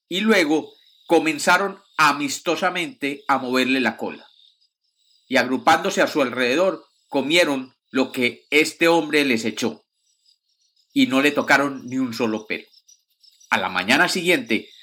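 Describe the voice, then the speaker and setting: A man reads a children's fairy tale aloud as host of a story channel. His voice sits a little high and rings bright and clear. He tells the tale in a gentle, measured way.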